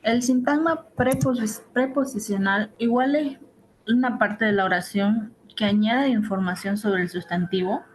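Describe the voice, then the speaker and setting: A woman's voice: mid-range voice, slight background noise, poor audio. A woman teaching assistant giving an online grammar lesson, explaining step by step and checking in with her students.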